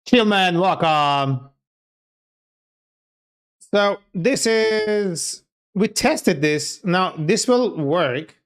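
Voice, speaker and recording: A native Turkish speaker with a Turkish accent, this male live streamer and programmer chats casually on his stream, thinking aloud while he codes. His voice is high and expressive, and he talks very slowly with frequent pauses.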